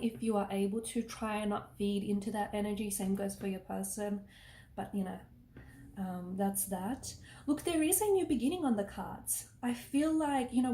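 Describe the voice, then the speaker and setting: A woman reads tarot in an earnest, reassuring way, padding her speech with "you know" and "okay". Her voice sits fairly high, with a mellow tone that sounds a bit worn from overuse. The room has an audible echo. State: losing her voice. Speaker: tarot reader. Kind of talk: casual tarot reading to camera.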